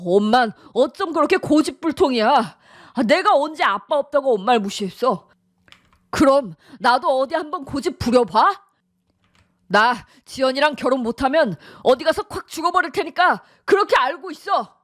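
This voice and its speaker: An earnest young man who pleads and pushes back, voiced by a synthetic voice. The delivery is steady, and the sound is close and dry. It carries the clean feel of a studio audio drama. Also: very high-pitched, moderate pace, dry recording. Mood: defiant. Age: young adult. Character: earnest young man defending his fiancée. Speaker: son in love.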